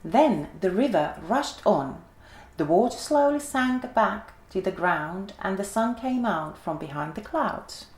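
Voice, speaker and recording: A woman gently and expressively reading a children's story aloud in an echoey room. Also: medium pitch, expressive, measured pace.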